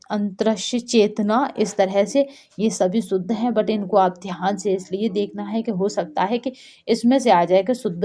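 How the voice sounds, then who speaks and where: Mellow-voiced woman teaching exam spelling. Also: mid-range voice. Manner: explains step by step, keeps asking and answering her own questions. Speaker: Hindi teacher. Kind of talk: exam-prep lesson.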